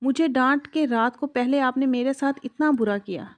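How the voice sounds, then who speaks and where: A woman's voice: high voice, muffled recording, close to an everyday voice. Woman playing a stubborn, childish young bride. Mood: petulant. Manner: petulant, whiny.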